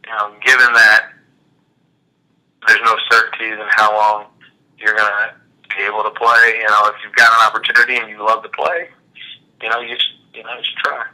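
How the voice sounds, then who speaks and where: Low, flat-voiced man with a bright tone. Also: normal speed, pauses often, poor audio. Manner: relaxed, reflective, frequent "you know" fillers. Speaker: interview guest, former college athlete. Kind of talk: casual interview conversation.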